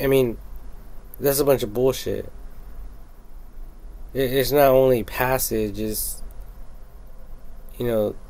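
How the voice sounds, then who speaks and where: A man doing a screen-recorded commentary, profane and rambling, halting often with fillers. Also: medium pitch, vocal fry, dark tone. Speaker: vlogger.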